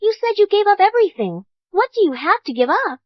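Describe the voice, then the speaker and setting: A woman's voice: extremely high pitch, big pitch swings, a little fast, no room sound. A woman dubbing a sarcastic young woman from the groom's family who mocks the bride's mother. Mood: mocking. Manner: sarcastic, taunting. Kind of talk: English drama dub. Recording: dull dry studio dub.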